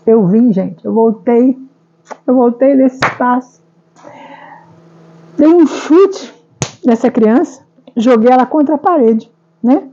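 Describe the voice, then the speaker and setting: Brazilian woman, high mellow voice, emotional testimony full of repetitions and tag questions, muffled lo-fi sound. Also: takes it slowly, long pauses. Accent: Brazilian Portuguese. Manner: rambling, repeats herself, frequent tag questions. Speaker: speaker sharing a personal testimony. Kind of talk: emotional first-person testimony.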